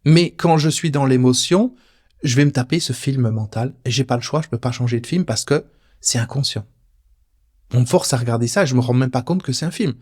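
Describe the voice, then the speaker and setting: A man's voice: medium pitch, brisk, darkish tone. A man giving a casual spoken lesson, talking straight to the listener in an informal, playful way. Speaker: personal development teacher. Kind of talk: casual spoken teaching video.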